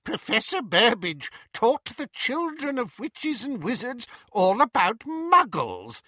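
A cold, cruel dark lord of a storybook, as a male reader puts him on, pitched well above the reader's own voice and drawn out slowly. The voice stays quiet yet menacing, bright-edged and close in a dry booth. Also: wildly swooping pitch, no room sound, full character voice. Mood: cold menace. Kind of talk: audiobook character voice.

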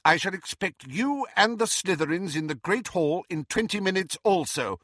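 A man's voice: sits high, lively intonation, no room sound, studio quality, pitched above the performer's own voice. Man voicing a stern, commanding witch professor. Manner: brisk, authoritative, sharp.

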